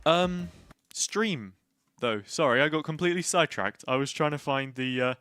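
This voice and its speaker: A man's voice: on the high side, normal speed, sharp tone, smooth, no echo. A man with a British accent hosting a casual watch party stream, chatty and easily sidetracked. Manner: chatty, easily sidetracked, talks over the broadcast. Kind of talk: casual live stream commentary.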